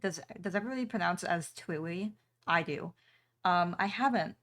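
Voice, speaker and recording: A woman's voice: on the low side, normal speed, a bit bright. A young woman streamer chatting casually with her viewers while she draws, with frequent ums and small laughs. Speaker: streamer and artist.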